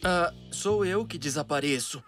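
A puzzled cartoon magician's helper, lowish and hesitant, with a Brazilian accent. The voice bobs up and down over music. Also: female voice, animated, unhurried. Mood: bemused. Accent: Brazilian Portuguese. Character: puzzled, unsure sidekick of a magician. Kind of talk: animated cartoon dubbing. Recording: music behind the voice.

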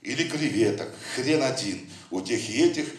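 Speaking at normal speed in an animated mid-range voice, a man reads from his poetry book with rhythmic cadence, telling loose anecdotes between poems. It sounds like a distant mic in an echoey room.

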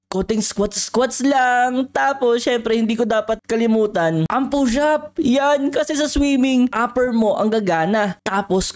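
A woman hosting a Minecraft role-play channel, excitable and talking straight to her viewers. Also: on the high side. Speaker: gaming YouTuber, host.

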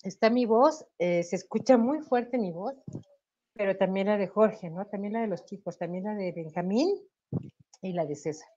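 Speaking at a moderate pace in a mid-range voice, this Mexican singer is interviewed over a video call from her home. Her webcam audio has the highs cut off. She talks animatedly with tag questions and laughter, though a sore throat brings a slight cough.

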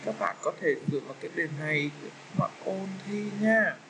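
Male teacher with a Vietnamese accent, slightly high and bright voice, slow and patient, faint hiss behind. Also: rough recording. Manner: patient, repeats English words slowly for kids. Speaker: English teacher for young children. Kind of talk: slow walkthrough of a children's English exam.

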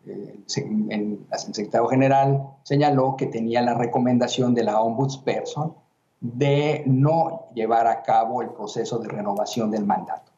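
The president of a human rights commission answers questions in a formal remote interview, his tone measured, official and steady as he pauses and hesitates over his replies. His voice is dark and mellow at a middle pitch. The line sounds dull, muffled and roomy.

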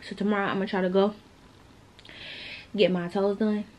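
Over lo-fi audio, a young woman keeps up a casual, playful vlog aimed right at her viewers, partly filmed in her car on a phone at arm's length. Her medium-pitched voice is fairly flat and slightly dark, delivered at normal speed.

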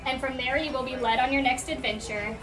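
A woman's voice: high voice, fairly even intonation, brisk, recorded from a distance. A young woman working as a theme park attendant, giving guests a friendly briefing. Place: small themed booth. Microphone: handheld camera at some distance. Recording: echoey, off-mic, music behind.

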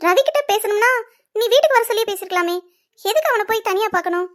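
Exasperated young Shalini. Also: female voice, extremely high pitch, lively intonation, fast. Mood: scolding. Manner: scolding, insistent. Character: young woman, loyal and exasperated. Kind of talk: cartoon serial voice acting.

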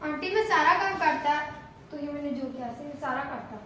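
A woman's voice: high voice, lively intonation, brisk, fairly bright tone. A woman playing an earnest young maid's daughter, echoey and distant. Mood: pleading. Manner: earnest, pleading, proud. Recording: echoey room, distant, faint background noise.

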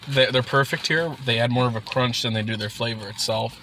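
A young man reviewing food in a casual, halting way, talking while chewing. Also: mid-range voice, a little hiss or hum, poor audio. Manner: relaxed, halting, thinking aloud.

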